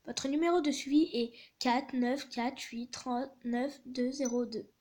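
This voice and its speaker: Woman reading a scheming young delivery driver; brash, persuasive, high voice. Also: steady tone, unhurried, darkish tone.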